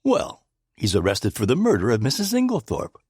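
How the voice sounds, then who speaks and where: A man voicing an earnest, excitable young English gentleman, eager and impatient, in an audiobook. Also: medium pitch, normal speed, slightly rough, no echo, studio quality, pitched above the performer's own voice. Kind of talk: audiobook character voice.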